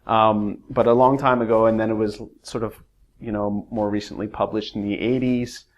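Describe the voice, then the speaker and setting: A man's voice: on the low side, flat delivery, moderate pace, highs cut off. A man teaching a casual English pronunciation lesson, rambling and hesitant with many fillers. When reading verse, he uses exaggerated rises and falls.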